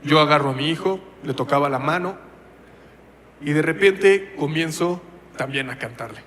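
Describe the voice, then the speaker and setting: A man's voice: on the high side, normal speed, fairly bright tone, in a large hall, a little hiss or hum. Man preaching with a lifted voice. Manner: emotional storytelling, quoting his own prayers aloud. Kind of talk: testimony in a sermon.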